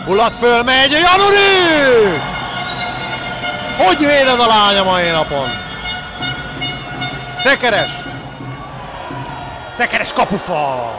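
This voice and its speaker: A man giving excited live handball commentary, bursting into shouts at key moments. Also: very high voice, pauses often, music in the background, crowd noise, rough recording.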